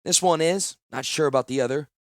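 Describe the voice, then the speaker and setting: A man voicing a tough female ship captain who speaks in curt, brisk orders. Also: on the high side, no room sound, clean studio sound, pitched above the performer's own voice, close to an everyday voice. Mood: brusque.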